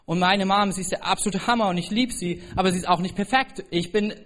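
A man preaching a sermon as pastor, telling a personal story and rising to loud, emphatic peaks. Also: high voice, fast.

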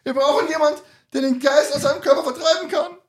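A man's voice: very high voice, fairly quick, echoey room. A man reading aloud and voicing a panicky, superstitious teenage girl in a flustered, half-laughing way. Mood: panicked.

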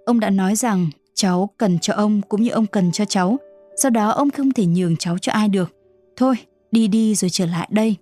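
A woman's voice: mid-range voice, fairly quick, warm tone, soft background music, close to an everyday voice. A woman voicing a stern old male street performer in a storybook reading, with curt, commanding speech. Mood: firm.

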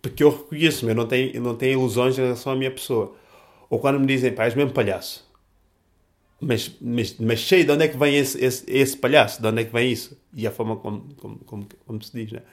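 A young man with a European Portuguese accent talks through his thoughts in a loose, casual monologue. He speaks at a middling pitch, leaning heavily on slang, fillers and restarted phrases as he goes. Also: steady tone, fast.

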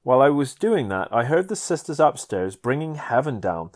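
A man's voice: medium pitch, very animated, normal speed. Earnest man reading his testimony. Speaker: narrator. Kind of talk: reading a memoir chapter aloud.

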